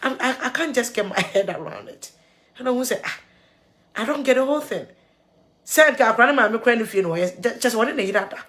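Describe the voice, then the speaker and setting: Ghanaian woman vlogger, tearful, earnest, halting, code-switching. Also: fairly high pitch, animated, a bit bright. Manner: earnest, mixes English and Twi, halting repeats. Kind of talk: emotional video commentary.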